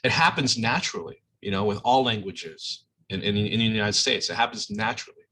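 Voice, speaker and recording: A man's voice: fairly low pitch, a little fast, sharp tone, breathy edge. A man teaching an online class, explaining a played clip in a casual way with many restarts and check-ins. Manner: talks in loose restarts and checks in with "okay?" and "all right?".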